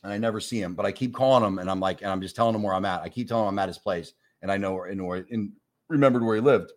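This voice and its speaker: A man's voice: fairly low pitch, racing. A man in his forties telling a long anecdote in casual chat, swearing freely and acting out both sides of conversations. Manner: animated storyteller, swears freely, acts out both sides of dialogue. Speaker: guest storyteller. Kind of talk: casual anecdote on a talk show.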